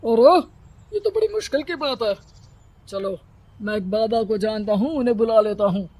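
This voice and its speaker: A woman's voice: fairly high pitch, expressive, moderate pace, mellow, rough recording. A woman voicing a self-important village headman, brusque and exclaiming, in a cartoon. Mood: concerned.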